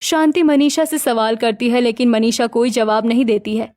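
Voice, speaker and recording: A woman narrating a cartoon story in a steady, plain way. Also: fairly high pitch, moderate pace.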